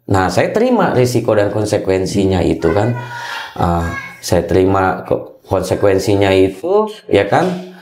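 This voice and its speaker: A man's voice: sits low, very animated, measured pace, darkish tone, slight background noise. A man telling his story as an interview guest, hesitant, with many fillers and tag questions. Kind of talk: casual testimony interview. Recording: roomy echo.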